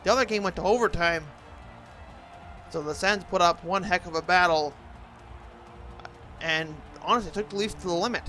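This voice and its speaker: A man doing an announcer-style play-by-play commentary of a hockey video game, excitable on big plays. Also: high voice, normal speed, long pauses, faint music behind.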